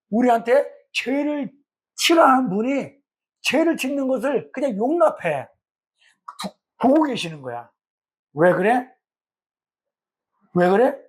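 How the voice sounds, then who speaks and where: A man's voice: extremely high pitch, slightly rough. A middle-aged man, a pastor teaching a Bible study in a colloquial way, acting out the voices he quotes.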